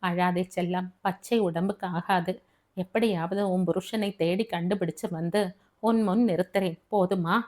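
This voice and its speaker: A woman's voice: medium pitch, a little slow, lightly acted. A woman voicing a stern, angry middle-aged father in an audio novel, speaking in a scolding, bitter way. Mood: tender.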